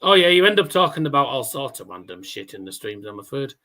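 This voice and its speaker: A man's voice: mid-range voice, very animated, quick pace, pushed and bright. A man hosts a casual sports watchalong stream. He has a stutter and cannot pronounce his R's, which sound like W's. His talk is loose, rambling and sweary, slipping between chat and commentary. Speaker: livestream host.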